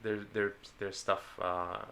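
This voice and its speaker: A man's voice: deep voice, flat delivery, slow, sharp tone. A man speaking as a podcast guest in casual chat, laid-back and hesitant, often trailing off mid-thought.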